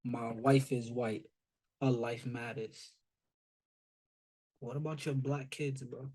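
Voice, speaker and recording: A man's voice: mid-range voice, fairly even intonation, slow, darkish tone. A young man co-hosting a podcast, chatting in a laid-back, blunt, mocking way. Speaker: podcast co-host. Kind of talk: casual chat.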